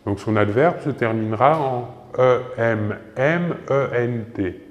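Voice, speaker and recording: A man teaching a French grammar lesson slowly, spelling words out letter by letter and checking in with "ok". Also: medium pitch, lo-fi sound. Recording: echoey room with long reverb.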